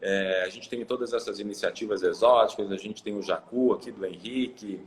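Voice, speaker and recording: This Brazilian coffee exporter from Ribeirão Preto chats casually as a guest on a live video call, rambling with lots of fillers and restarts in a Brazilian Portuguese accent. His voice sits lowish, fairly even in intonation, and moves a little fast. A faint hiss or hum runs underneath.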